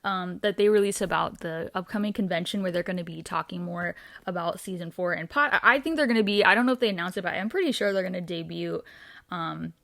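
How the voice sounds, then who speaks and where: A woman's voice: lowish voice, quick pace, gravelly, fairly bright tone, dry recording. Young woman, host, gushing fan commentary, bubbly, dry sound. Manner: bubbly and gushing, many fillers like "um" and "like". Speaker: host of a weekly entertainment news show.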